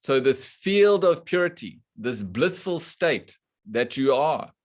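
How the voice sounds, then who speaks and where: A man teaching a scripture class to students online, explaining slowly and deliberately and putting questions to the class. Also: medium pitch, sing-song. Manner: slow and deliberate, quizzing the class. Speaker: spiritual teacher.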